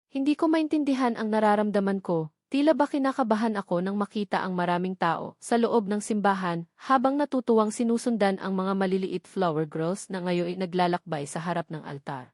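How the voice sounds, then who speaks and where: A woman reading a romance novel aloud as the narrator, in a soft, emotional storytelling manner. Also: medium pitch, no echo, studio quality.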